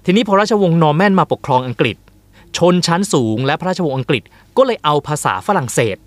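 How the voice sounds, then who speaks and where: A man with a slightly high voice talks quickly in a dry, close recording. He explains things step by step, often checking in with his listener. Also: lively intonation, dry recording. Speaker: co-host. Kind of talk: casual educational chat.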